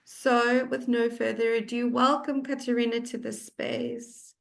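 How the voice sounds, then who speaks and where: A woman hosting an interview series, introducing it with earnest conviction. Her voice sits a touch high with a gravelly edge. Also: flat delivery, a little slow. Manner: earnest, mission-driven delivery. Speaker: host and founder of the series.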